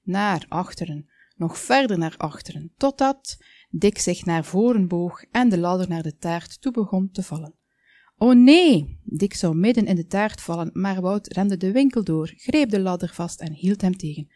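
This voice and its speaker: A woman calmly reading a children's story aloud, with small slips now and then. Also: fairly low pitch, moderate pace, no echo. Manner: calm, with small slips and asides.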